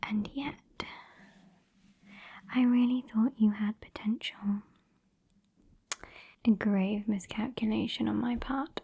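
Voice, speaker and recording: In a whispered ASMR roleplay, a woman plays a sassy, haughty old female vampire with a British accent, softly scolding her fledgling with exasperated scorn. Her whispery, breathy voice is on the high side and exaggerated, with fairly even intonation, a slow pace, and long pauses.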